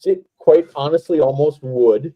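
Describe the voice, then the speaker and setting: A man talking slowly and hesitantly in a casual live-stream chat. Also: fairly high pitch, muffled recording.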